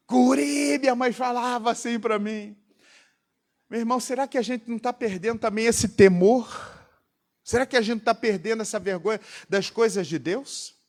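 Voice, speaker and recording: High-voiced Brazilian pastor preaching. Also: male voice, fairly even intonation, moderate pace. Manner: rhetorical call-and-response questions. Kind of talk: sermon. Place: church congregation.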